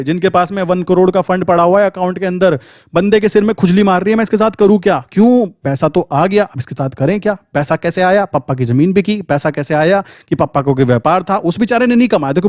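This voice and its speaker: A trading coach who hosts his own channel gives an informal, motivational lesson in an Indian accent, emphatic and colloquial, repeating phrases and posing rhetorical questions. His voice is fairly high with a darkish tone, recorded dry at studio quality.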